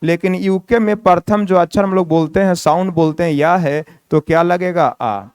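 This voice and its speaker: A man's voice: high voice, moderate pace, smooth, no echo, studio quality. A man teaching English grammar in Hindi. He asks the viewers questions, answers them himself and repeats key words. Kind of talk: Hindi-language grammar lesson.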